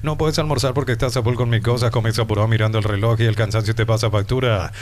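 A man's voice: fairly low pitch, fairly even intonation, fast talker, a little mellow. A man reading scripted radio commercials in a polished, upbeat announcer's delivery.

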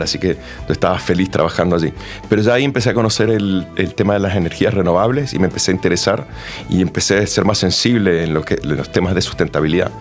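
A man from Argentina with an Argentine accent, a company manager chatting as a guest in an interview, friendly and full of restarts. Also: deep voice. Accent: Argentine Spanish. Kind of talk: casual interview answers.

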